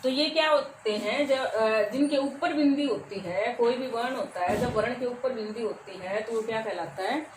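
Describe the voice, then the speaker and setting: A woman with a somewhat high voice teaches a grammar class. She poses questions and answers them herself, repeating each term. Her voice rings in an echoey room over a faint background hum. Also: moderate pace, hardly any pauses.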